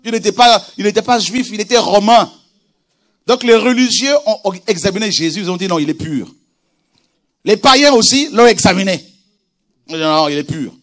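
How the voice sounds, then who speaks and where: A man preaching a sermon with animated delivery, moving from quiet scripture reading to shouted exclamations. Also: sits high, normal speed, pauses often. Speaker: pastor.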